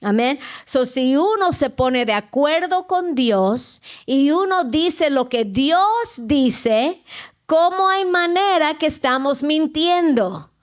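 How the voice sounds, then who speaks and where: A woman pastor preaching a sermon, slowly hunting for words, restarting phrases and often adding "amén". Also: high voice, animated. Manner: slow, searching delivery with many restarts and frequent "amén".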